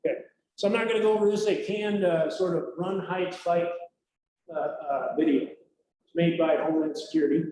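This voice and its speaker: A man's voice: on the high side, steady tone, normal speed, darkish tone. A middle-aged man, a police trainer, giving a casual, chatty safety training talk to a group at a workplace, often checking in with "right?". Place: large room at a workplace, in front of a group. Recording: very echoey room, faint noise.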